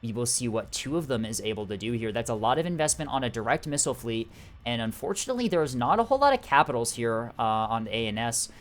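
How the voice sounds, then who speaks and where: In an animated, mid-range voice at a quick pace, a male caster gives live play-by-play of a strategy game tournament. He's chatty and leans heavily on fillers like "uh" and "um."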